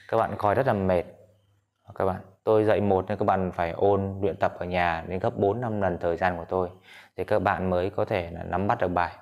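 A man teaching an English grammar lesson at a whiteboard, patient, often asking his students questions and repeating examples slowly. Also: fairly low pitch, darkish tone.

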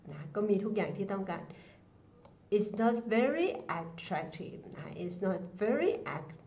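A woman teaching English pronunciation, reading phrases slowly, repeating them and explaining each one. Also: mid-range voice, very animated, darkish tone. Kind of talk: slow bilingual English pronunciation lesson. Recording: dull lo-fi sound.

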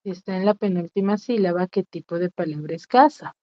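A woman's voice: fairly low pitch, fairly quick, darkish tone, no room sound. Woman teacher, online class, patient and questioning, dull lo-fi call audio, dry. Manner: patient, repeats questions to students. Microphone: video call.

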